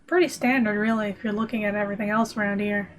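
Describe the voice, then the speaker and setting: A woman's voice: medium pitch, steady tone, fast, a little hiss or hum, poor audio. A woman streaming a text adventure, reading the game text aloud with wry asides to herself.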